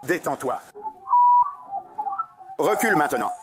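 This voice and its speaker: A man's voice: on the high side, expressive, slow, loud music behind the voice. A male police officer giving stern commands during an arrest at an airport. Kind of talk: dubbed bodycam footage. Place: airport security area. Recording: clear background noise and clicks.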